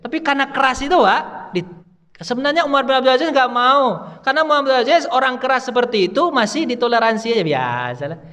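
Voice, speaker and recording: Loud man lecturing in a reverberant mosque. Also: very high-pitched, animated, fast talker. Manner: loud voice, keeps addressing listeners as "Pak". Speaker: Islamic preacher and teacher. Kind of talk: mosque study-circle lecture. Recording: long mosque hall reverb.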